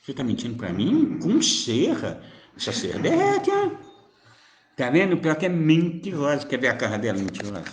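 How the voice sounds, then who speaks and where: A man's voice: a little high, wildly swooping pitch, normal speed, a little hiss or hum. A man giving informal spiritual teaching as a medium, teasing and chatty, full of rhetorical questions. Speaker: spiritist medium answering viewers. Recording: roomy echo.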